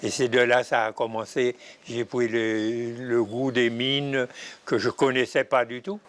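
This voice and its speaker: A man's voice: mid-range voice, level tone, measured pace. An older man giving spoken personal testimony about his own working past. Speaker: interviewee, former miner.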